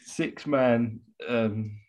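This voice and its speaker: A man's voice: medium pitch, extremely slow, darkish tone, slight background noise, low-quality recording. A British man co-hosting a podcast in casual chat, with loose, hesitant phrasing. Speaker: wrestling podcast co-host.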